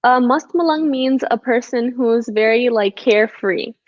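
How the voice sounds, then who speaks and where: A woman with a slightly high voice talks easily over a video call, laughing between phrases and reaching for words with ums and likes. The sound is muffled and a little lo-fi, dry with no room around it. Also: a little slow, dry recording. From born and raised in the West. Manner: giggly, chatty, many fillers. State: morning voice. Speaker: musical guest. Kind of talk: casual video-call interview.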